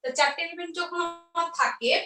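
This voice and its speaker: Bright-voiced woman teaching math. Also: very high-pitched, fairly quick, distant mic. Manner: asks questions then answers them herself. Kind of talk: explaining a math lesson step by step. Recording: roomy echo, voice off-mic.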